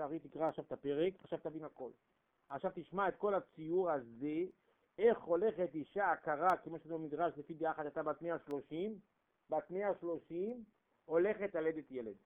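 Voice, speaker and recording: Preacher guy, kinda high voice, hammering points then dropping quiet, sounds like over the phone. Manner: emphatic, repetitive, swings from loud to hushed. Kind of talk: sermon. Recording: tinny phone-like recording.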